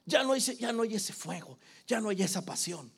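A man preaching in a high, tenor-range voice. His delivery is theatrical. He drops to hushed near-whispers, then climbs to shouted peaks, and he acts out the voices of the people he quotes. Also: lively intonation, fairly quick, gravelly, slightly rough. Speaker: pastor. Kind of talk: sermon.

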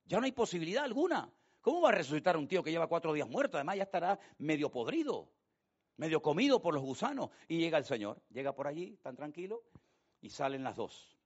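A man preaching a sermon, telling the story with hushed and loud turns. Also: a little high, big pitch swings, fast talker, husky. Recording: dull lo-fi sound.

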